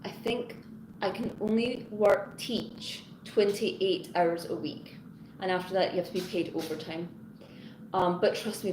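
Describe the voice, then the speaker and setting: A woman's voice: medium pitch, darkish tone. A woman hosting a casual live stream from her home and chatting with viewers. She rambles, restarts her sentences and greets commenters by name as she goes. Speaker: live-stream host, teacher. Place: her home in Hong Kong. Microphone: phone front camera. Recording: echoey room with background noise.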